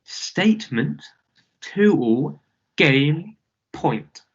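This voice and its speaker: A combative young man, played by a young actor, volleying questions with a lively, swooping voice. The sound is dull and a little distant. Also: fairly high pitch, breathy edge, heavily acted. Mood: sparring. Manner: quick-fire, sparring questions. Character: sharp, combative young man in a word game. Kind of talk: stage dialogue.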